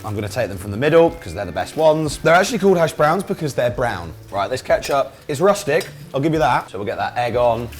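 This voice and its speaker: A man's voice: mid-range voice, very animated, fast, hardly any pauses, faint music behind. A British man hosting a casual cooking vlog, chatting and swearing jokily as he talks through what he is making. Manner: chatty, sweary, jokey self-commentary. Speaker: cooking show host.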